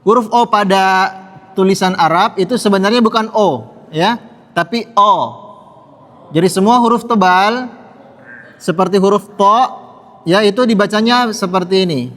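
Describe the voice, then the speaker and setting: High-voiced ustaz teaching in a hall. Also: male voice, a little slow, long pauses, a bit bright. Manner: patient, repeats sounds for the class to echo. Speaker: Quran recitation teacher. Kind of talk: classroom tajwid lesson. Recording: long reverb in a hall.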